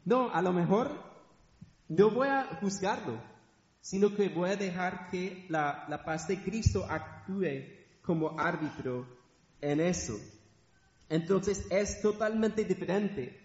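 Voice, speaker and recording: A man's voice: high voice, slow, a little mellow. A middle-aged man preaching a sermon in a church hall, asking the congregation rhetorical questions. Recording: echoey hall, dull sound.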